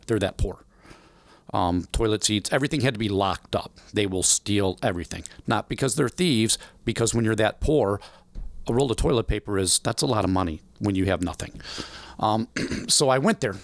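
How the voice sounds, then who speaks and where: A man in his forties telling a life story as a podcast guest, animated and acting out the voices of people he quotes. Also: on the low side, dry recording. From United States. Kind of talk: storytelling interview.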